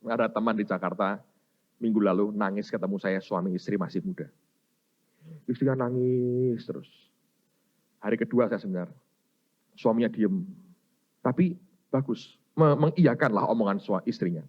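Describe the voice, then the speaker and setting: A middle-aged man preaching a sermon as pastor, swinging between quiet storytelling and loud, high-pitched bursts. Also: moderate pace, long pauses, lo-fi sound. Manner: animated preaching, sudden loud high bursts, acted-out quotes.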